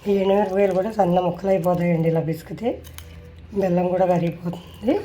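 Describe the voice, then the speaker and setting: A woman's voice: on the low side, fairly even intonation, fast talker, warm tone, lo-fi sound, faint music behind. A woman politely narrates a home recipe step by step as a cooking vlogger. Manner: polite, instructional. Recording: faint noise with kitchen clatter.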